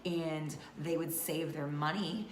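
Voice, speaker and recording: Low-voiced chatty woman vlogger. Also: fairly even intonation, slow pace. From North Georgia, US. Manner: chatty, many fillers. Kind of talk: casual talk to camera. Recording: echoey room with faint noise.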